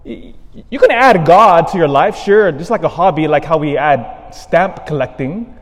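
This male priest's voice sits a little high, with lively intonation, as he reads the Gospel and preaches at Mass in a large church. Cathedral-style reverb stretches out behind him. He moves from measured reading into emphatic stresses that rise.

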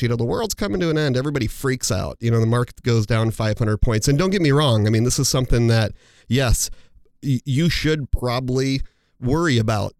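A man's voice: fairly low pitch, gravelly, darkish tone, no echo, clean studio sound. A man hosting a financial talk show, chatting casually and rambling through explanations with many fillers and restarts. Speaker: financial advisor and show host.

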